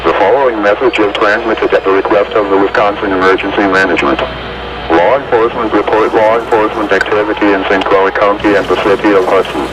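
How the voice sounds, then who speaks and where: A man reading an automated emergency alert in a flat, formal manner, heard as a hissy AM radio broadcast. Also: lowish voice, fast talker, low-quality recording. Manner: flat, even, formal announcement.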